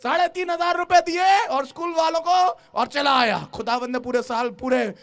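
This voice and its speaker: A man preaching a sermon at a large gathering, swinging between shouted exhortation and quiet storytelling. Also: extremely high pitch, fairly even intonation, moderate pace. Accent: South Indian. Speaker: pastor.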